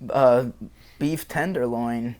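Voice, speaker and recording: Wry, sarcastic podcast co-host. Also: male voice, medium pitch, slow pace, a little mellow. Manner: wry, sarcastic jokes told with a mock-straight face; chatty personal anecdotes. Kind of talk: casual podcast conversation.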